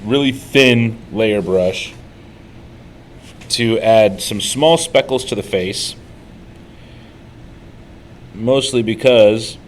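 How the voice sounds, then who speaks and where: Male co-host, low voice, rambling casual tutorial chatter, faint room hum. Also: drawn-out words, long pauses, low-quality recording. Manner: rambling, storytelling, frequent fillers. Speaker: co-host painting miniatures. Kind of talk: casual painting tutorial chat.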